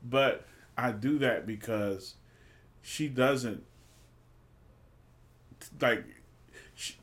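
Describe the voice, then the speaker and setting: A man's voice: medium pitch, very slow, fairly bright tone. A man co-hosting a relationship podcast, talking casually and informally, joking with his partner. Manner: laid-back, joking, informal. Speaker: podcast co-host.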